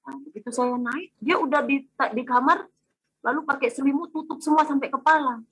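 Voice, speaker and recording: A woman giving a casual, animated testimony over a video call, acting out her family's dialogue as she tells it. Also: high voice, moderate pace, no echo, poor audio. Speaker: testimonial speaker.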